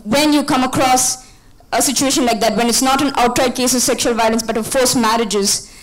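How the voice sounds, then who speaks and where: Young woman from India in the audience, bright-pitched, thinking aloud through a long question. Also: fairly even intonation, a little fast, poor audio. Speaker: audience member asking a question. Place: conference hall. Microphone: handheld microphone.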